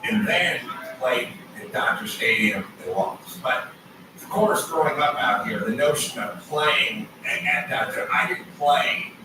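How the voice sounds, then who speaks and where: A man's voice: medium pitch, lively intonation, unhurried, recorded from a distance. Man in his late fifties, joking in an echoey room. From Los Angeles area. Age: 50s. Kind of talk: casual chat. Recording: echoey room, mic from afar, noisy.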